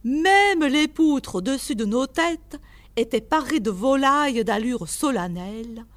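A woman reading a story aloud in measured audiobook narration. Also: sits high, lively intonation. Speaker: reader.

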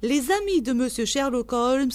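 A woman voicing a gruff old male animal keeper who scolds and shouts. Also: high voice, expressive, moderate pace. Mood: chatty, welcoming.

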